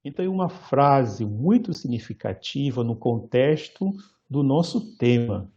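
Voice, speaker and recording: A male priest giving a lecture-style sermon, slow and measured, pausing often and correcting himself mid-word. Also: medium pitch, animated, warm tone, muffled recording.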